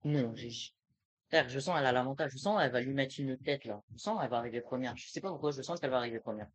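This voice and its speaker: A young man giving live gameplay commentary, excitable and full of street slang, swinging between muttering to himself and yelling. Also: mid-range voice, fast talker. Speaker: gaming streamer.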